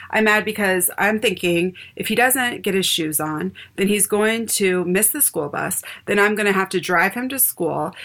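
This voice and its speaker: A mother speaking frankly in an interview about her family life. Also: medium pitch. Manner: frank, animated, acts out family arguments. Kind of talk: candid personal storytelling.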